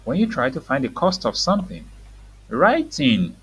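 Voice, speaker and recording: A woman's voice: extremely low pitch, very animated, normal speed, lo-fi sound, slight background noise. A woman teaching reading to a young child, saying words for the child to repeat and explaining them simply.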